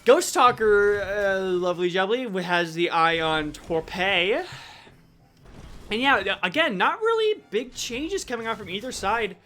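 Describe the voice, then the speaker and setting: An American esports caster commentating a match, playful and quick to laugh. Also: mid-range voice, lively intonation, fairly bright tone. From USA. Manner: joking, easily laughing, playful.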